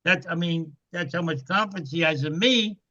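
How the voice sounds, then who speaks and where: A man's voice: fairly high pitch, moderate pace, lo-fi sound. A man in his seventies telling a business testimony story, acting out the dialogue he recounts. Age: 70s. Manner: animated storyteller, acts out quoted dialogue. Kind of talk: testimony to a group call.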